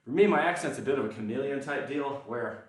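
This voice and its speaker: A lifter streaming from an indoor gym chats casually between sets, teasing himself in a mild Southern accent. He talks quickly at a medium pitch. He's recorded from a distance, and the room echoes strongly.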